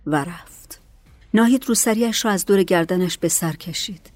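A woman narrating a story in a soft, hushed reading voice. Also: lowish voice, no room sound. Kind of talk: audiobook narration. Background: faint music.

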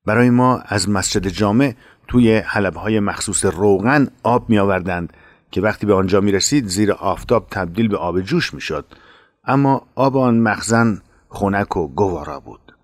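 A man narrating a war memoir in a measured, dramatic reading. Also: fairly low pitch, no room sound.

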